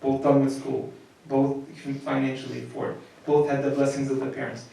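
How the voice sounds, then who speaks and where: A man's voice: medium pitch, monotone, normal speed, vocal fry, mellow. A man, a priest, giving a conversational marriage lecture and often repeating words as he restarts. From United States. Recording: very echoey, from far off the mic.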